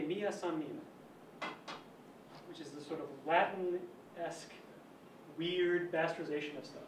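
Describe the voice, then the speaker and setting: Guy with a higher voice telling funny stories in a lecture, sounds far off in a big echoey hall. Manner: chatty, anecdotal, self-amused. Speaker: physics colloquium speaker. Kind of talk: informal academic lecture. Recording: echoey lecture hall, mic at a distance, faint hum.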